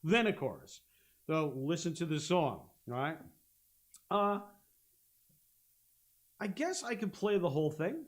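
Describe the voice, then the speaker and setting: A man teaching a guitar lesson on a live stream, explaining step by step and humming out rhythms, with loud guitar playing behind him. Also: a little high, sing-song, a little slow, pauses often. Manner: explains step by step, hums rhythms, checks in with "okay?". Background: guitar playing and looper.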